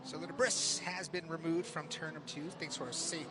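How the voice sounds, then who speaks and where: A man's voice: fairly high pitch, steady tone, brisk. A man commentating live on a sprint car race, calling it in short, clipped announcer phrases. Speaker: motorsport commentator. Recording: very loud engine and vehicle noise. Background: race cars at a speedway.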